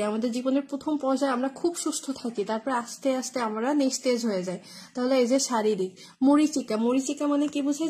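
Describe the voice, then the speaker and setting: A woman's voice: a little high, a little mellow, husky. A woman tutor, teaching an online spelling lesson and spelling words out letter by letter with many fillers. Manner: explains with memory tricks, asks "right?".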